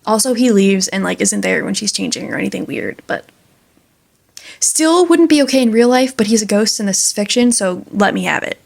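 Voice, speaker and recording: A woman's voice: mid-range voice, expressive, a little fast, creaky. A woman talking through a book in a casual review vlog, chatty and enthusiastic with lots of fillers.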